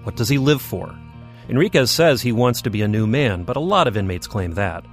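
A man with a mid-range voice hosts a radio documentary in a measured, scripted announcer read. Faint music sits under his narration. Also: mid-range voice, expressive. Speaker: documentary host.

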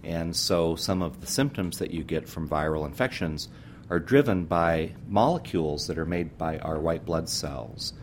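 A man speaking as a medical expert, explaining in an interview. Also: normal speed. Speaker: expert guest, doctor. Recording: faint low rumble noise.

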